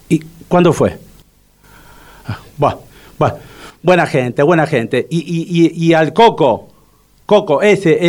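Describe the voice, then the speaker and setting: Man acting Tito, a swooping, fussy Argentine home cook. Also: fairly high pitch. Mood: chatty, awkward. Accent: Argentine Rioplatense. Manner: hesitant, repetitive, theatrically self-important. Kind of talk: comic radio drama acting.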